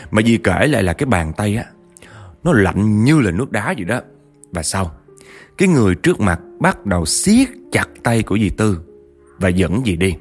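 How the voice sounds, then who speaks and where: A man narrating a ghost story in a lively way, speaking directly to his listeners. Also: fairly low pitch.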